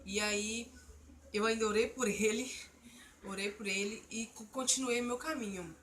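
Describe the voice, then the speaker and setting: Bright-voiced woman telling a faith testimony. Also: a little high, measured pace, a little hiss or hum. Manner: earnest storytelling, emotional retelling of an assault. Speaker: testimony speaker. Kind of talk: personal religious testimony.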